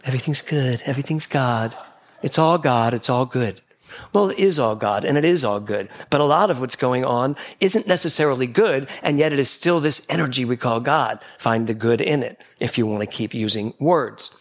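Lively spiritual speaker addressing a gathering. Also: male voice, mid-range voice, fairly quick, hardly any pauses. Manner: playful, animated, acting out little exchanges in quoted voices. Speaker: speaker giving a spiritual talk. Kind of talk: spiritual talk to a live audience. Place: gathering hall with a live audience.

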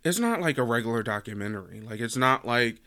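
Rambling young man, smooth voice. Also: medium pitch, lively intonation, brisk, sharp tone, dry recording, clean studio sound. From United States. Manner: rambling, heavy use of "like" fillers. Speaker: podcast host. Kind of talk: casual solo podcast chat.

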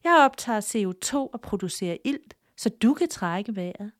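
A woman's voice: medium pitch, lively intonation, no room sound, studio quality, natural voice. A woman voicing an old talking oak tree that insists, lecturing, that it must not be cut down. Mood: pleading.

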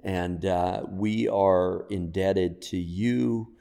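A man speaking as a podcast guest, telling stories conversationally and deliberately, pausing for emphasis. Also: low voice, fairly even intonation, gravelly, mellow, clean tone. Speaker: podcast guest, church pastor. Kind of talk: conversational storytelling and reflection. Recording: long reverberant room sound.

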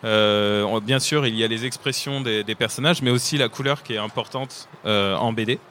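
A man's voice: lowish voice, moderate pace, bright, forceful tone, slight background noise. A man from France with a French accent, a comic illustrator, talking to children with many hesitations. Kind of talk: casual talk to children.

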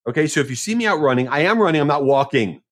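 A male podcast host telling a story in a casual monologue, animated, with mock exasperation. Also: a little high, very fast.

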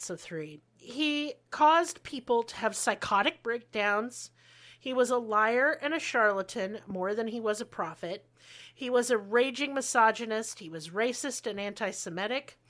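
A woman's voice: fairly high pitch, fairly bright tone. A woman hosting a podcast, telling history in a blunt, sarcastic way and swearing freely. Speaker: podcast host. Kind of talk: casual history chat.

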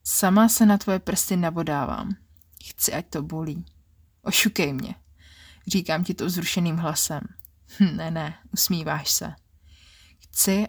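A woman narrating an erotic story in the first person, quiet and intimate, with a husky voice. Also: lowish voice, no room sound, studio quality. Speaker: podcast narrator.

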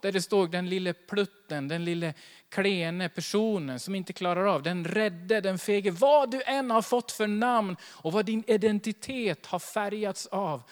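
Animated pastor preaching in echoing church. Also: male voice, high voice. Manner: animated, acts out little scenes and quotes scripture. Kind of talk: sermon. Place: church hall. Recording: long church hall reverb.

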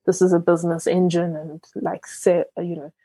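A woman from Ghana, a young entrepreneur, speaks in a lowish, fairly even voice with a mellow tone. She thinks aloud with many pauses and self-corrections, and the recording is close and dry. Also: slightly rough, no echo. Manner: reflective, with frequent fillers and restarts. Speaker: entrepreneur guest. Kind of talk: interview conversation.

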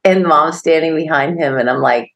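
A middle-aged woman co-hosting a podcast, telling a story in a lively way and acting out the voices of the people in it. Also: sits low, normal speed, dull audio. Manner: animated storyteller, acts out quoted voices, laughs often. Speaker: podcast co-host. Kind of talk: casual storytelling chat.

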